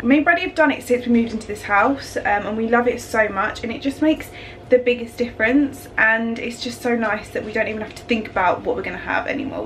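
A young woman vlogs about her life, chatting cheerfully to the phone she holds at arm's length as she moves through her bright home kitchen and bedroom. Her voice is a little high and a bit bright, full of "like" and "um", over slight background noise.

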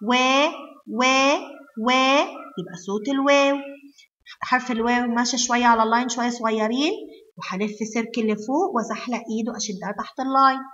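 A woman with an Egyptian Arabic accent teaching young children to read, sounding out letters slowly and praising them often. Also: a little high, fairly bright tone, dull audio. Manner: slow, drawn-out sounding of letters, praising and coaxing. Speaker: kindergarten teacher. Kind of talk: online phonics lesson for young children.

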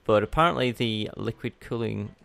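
A man's voice: fairly low pitch, normal speed, gravelly, fairly bright tone, faint music behind. Rambling young man narrating gameplay. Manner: rambling, self-correcting, chatty. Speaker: let's play host. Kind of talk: casual gameplay commentary.

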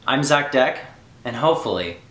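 Animated young man, echoey room. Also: medium pitch, normal speed. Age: 20s. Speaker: YouTuber. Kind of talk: direct-to-camera vlog monologue with impressions. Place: bedroom. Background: music.

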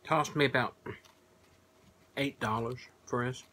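Man, mouth full of food, chewing through casual review lines, bright, forceful tone. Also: medium pitch, fairly even intonation, measured pace, slight background noise. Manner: chatty, chewing while talking.

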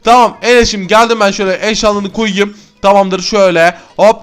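Excitable high-voiced male gamer. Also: brisk, clear, resonant tone. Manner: excitable, exclaiming to viewers. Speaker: gaming YouTuber. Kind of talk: Minecraft gameplay commentary.

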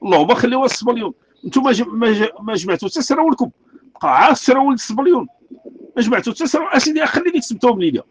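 A man's voice: extremely high pitch, animated, rapid-fire, husky, poor audio. A man with a Moroccan Arabic accent, delivering an angry, repetitive rant full of rhetorical questions. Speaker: street artist speaking out. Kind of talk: impassioned rant.

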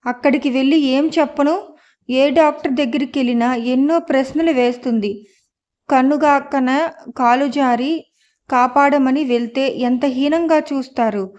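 A woman reading a story, voicing a calm, firm young woman who pleads steadily. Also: high-pitched, a little slow. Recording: dull lo-fi audio.

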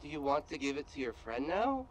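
A man's voice: on the high side, very animated, a little fast, a little hiss or hum. A man voicing a meek, uneasy sheep sidekick in a children's cartoon within a horror game, hesitant and timid.

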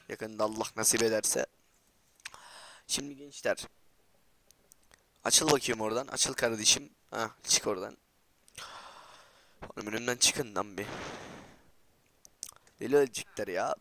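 A man giving excitable gameplay commentary as a channel host, trash-talking and swearing, repeating words in rapid bursts. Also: mid-range voice, creaky.

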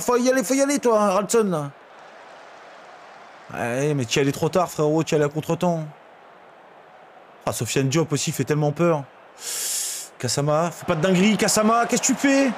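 Young male streamer, high-pitched, excitable game commentary with outbursts, faint background noise. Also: normal speed, long pauses. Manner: excitable, swings from shouting to muttering.

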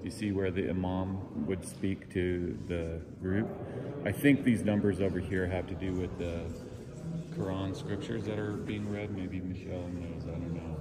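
A man's voice: sits low, steady tone, measured pace. A middle-aged man guiding a group through a large stone mosque, explaining what they see as he points things out, speaking into a headset mic. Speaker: tour guide. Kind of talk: guided tour explanation. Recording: loud background noise.

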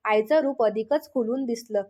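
Higher-voiced woman telling a devotional tale. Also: normal speed, darkish tone. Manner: reads dialogue for every figure in her own voice. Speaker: storyteller. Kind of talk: devotional story narration.

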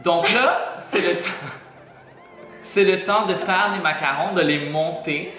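A man's voice: high-pitched, unhurried. A young man with a Quebec French accent hosting a casual cooking challenge in a playfully bossy way. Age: young adult. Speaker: host. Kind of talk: casual cooking challenge, reading recipe steps aloud. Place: home kitchen, indoors. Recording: echoey room with music. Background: music.

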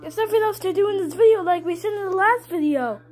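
A performer voicing an excitable toddler boy, Baby Mario, in a childish, rambling way. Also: extremely high pitch, quick pace. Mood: playful. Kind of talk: fan puppet video voice acting.

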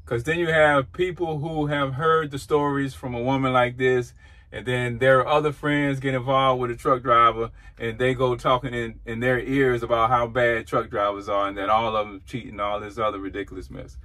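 A man's voice: medium pitch, little pitch movement, moderate pace, bright, forceful tone. Earnest man talking in a truck cab. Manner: rambling, earnest, restarts. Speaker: trucker vlogger. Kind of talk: casual reflective talk.

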